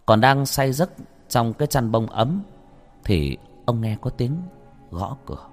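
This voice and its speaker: A man narrating a ghost story in an animated, earthy way. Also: medium pitch, measured pace. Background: faint music.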